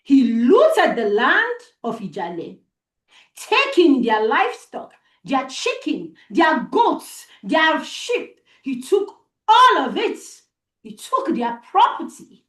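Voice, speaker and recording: A woman with a Nigerian accent hosts a live storytelling session for children, speaking deliberately and expressively with dramatic pauses and repetition. Her voice is high-pitched, and the sound is roomy and echoey.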